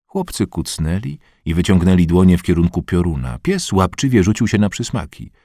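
A man narrating an audiobook in a measured, expressive reading voice on a close studio mic. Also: low-pitched, no room sound. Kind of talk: scripted narration.

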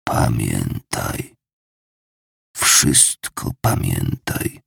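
A calm, stubborn old father, as a narrator reads him in a low voice with a gravelly edge. He speaks with quiet, unshaken certainty. The sound is close and dry. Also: a little slow, dry recording, full character voice. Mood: faint whisper. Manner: quiet, steady conviction.

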